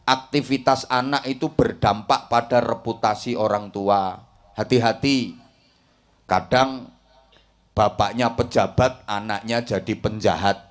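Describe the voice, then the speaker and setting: In a lowish voice at a measured pace, a middle-aged Javanese-accented Islamic preacher delivers a comic sermon, teasing his village congregation.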